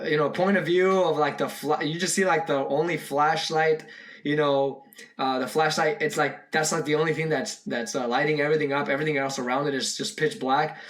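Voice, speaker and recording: A man's voice: on the high side, fairly even intonation, brisk, fairly bright tone. A young man giving casual, rambling reaction commentary on a short horror film, full of fillers and restarts. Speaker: video reactor.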